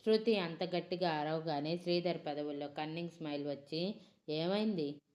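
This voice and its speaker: A woman narrating a romance story in a steady, scripted storytelling voice. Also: deep voice, a little fast.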